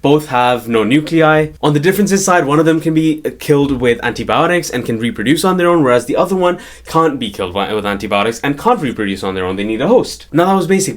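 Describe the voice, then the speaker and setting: A young man, a doctor, explaining study techniques to camera in an earnest, explanatory way that leans on key points. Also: a little high. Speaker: study-skills YouTuber and doctor. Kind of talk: educational video talk to camera.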